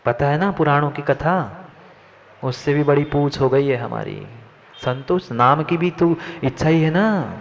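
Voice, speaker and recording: A man's voice: fairly high pitch, expressive, a little slow. A man giving a Jain sermon, addressing listeners by name and repeating his lines for emphasis. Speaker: Jain monk preacher. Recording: dull lo-fi sound.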